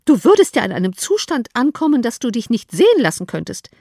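A woman's voice: a little high, sing-song, fairly quick, darkish tone, no room sound, studio quality. A woman reading an audiobook, voicing a fussy, scheming middle-aged mother who frets and scolds. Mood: scolding. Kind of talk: audiobook character voice.

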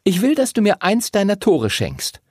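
A man's voice: sits high, wildly swooping pitch, moderate pace, slightly rough, no room sound, clean studio sound, pitched above the performer's own voice, full character voice. A man voicing a sly, cheeky young girl who coaxes and teases. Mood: coaxing. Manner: coaxing, teasing.

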